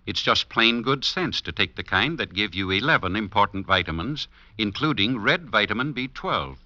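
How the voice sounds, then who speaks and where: Chipper 1950s ad druggist pitchman. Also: expressive, normal speed, bright, forceful tone, no echo. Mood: upbeat, reassuring. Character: reassuring family druggist selling vitamins. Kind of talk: chipper 1950s radio advertisement. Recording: muffled old radio recording.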